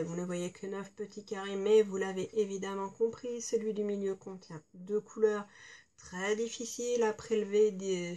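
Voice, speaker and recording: A woman beauty vlogger talks through a makeup review in a loose, rambling way. She pauses often to hunt for words and slips in dry little jokes. Her voice sits at an ordinary middle pitch. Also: warm tone. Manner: chatty, rambling, with frequent hesitations and asides; wry, joking tone. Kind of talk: casual product review chat.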